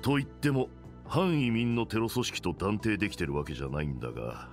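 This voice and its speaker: Brief: an actor as a seasoned male fighter, low and lively, very fast, matter-of-fact. Game audio with music. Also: natural voice. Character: steady adult male fighter, experienced partner. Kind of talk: Japanese game voice acting.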